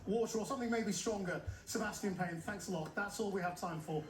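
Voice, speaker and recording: A woman's voice: mid-range voice, fast. Female live presenter in a roomy space. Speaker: broadcast presenter. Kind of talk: live interview moderation. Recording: roomy, distant, clearly noisy broadcast.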